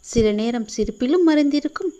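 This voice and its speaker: A woman gives a devotional message in a gentle, reassuring voice, speaking straight to the listener as if in a deity's own words. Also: high voice, expressive, brisk.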